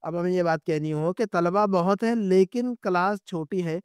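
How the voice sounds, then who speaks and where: Lecturing online, a male Arabic teacher speaks in a high, clear, smooth voice, captured up close with no echo. He takes a patient approach, going over every point again and asking his students how they're doing.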